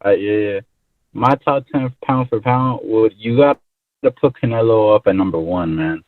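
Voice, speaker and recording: A man's voice: fairly low pitch, moderate pace, no room sound. A man calling in to a talk show over a bad, choppy phone connection, talking loosely and rambling, saying bro a lot. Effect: phone line with choppy, bad connection. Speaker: caller. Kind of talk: casual call-in chat. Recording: tinny, dry phone line.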